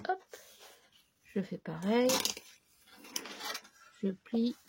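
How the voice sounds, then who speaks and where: A woman hosting a crafting tutorial, chatting casually as she works, slightly hoarse and clearing her throat now and then. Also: mid-range voice, noisy background. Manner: slow, chatty, talks to herself while working.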